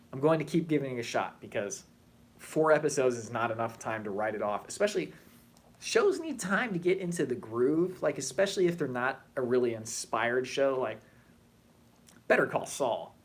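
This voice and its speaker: Chatty, animated male vlogger. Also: medium pitch, normal speed, husky. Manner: animated, chatty, drifts between tangents. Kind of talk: casual chat to camera.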